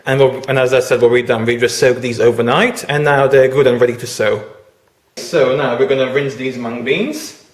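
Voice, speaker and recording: A man's voice: mid-range voice, fairly even intonation, normal speed. Man from Bosnia and Herzegovina, guest cook, step-by-step explaining, roomy sound. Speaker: guest cook and orchid judge. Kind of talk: casual demonstration. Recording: roomy, faint noise.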